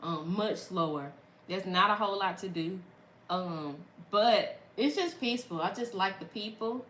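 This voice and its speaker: A woman's voice: medium pitch, a little slow, fairly bright tone, echoey room, rough recording. A woman from Mississippi with a Southern accent, chatting casually to her viewers on a livestream and laughing often. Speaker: content creator.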